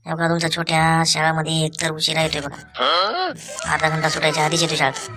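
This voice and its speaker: A woman voicing a stern male schoolteacher in a cartoon who scolds a pupil quickly. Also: low-pitched, monotone, close to an everyday voice. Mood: scolding. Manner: scolding, rapid. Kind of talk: cartoon voice acting. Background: background music.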